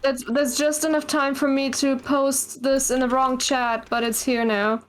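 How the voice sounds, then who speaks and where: A woman's voice: high voice, level tone, unhurried, a little hiss or hum. A young woman chatting playfully as a tabletop game player. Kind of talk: casual chat during a tabletop game.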